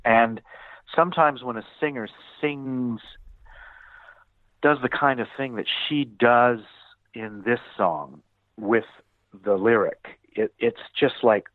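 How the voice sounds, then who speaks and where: A man's voice: mid-range voice, slow, long pauses, dry recording. A man co-hosting a music podcast, talking casually and rambling, with many restarts and fillers. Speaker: podcast co-host. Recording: tinny phone-like audio.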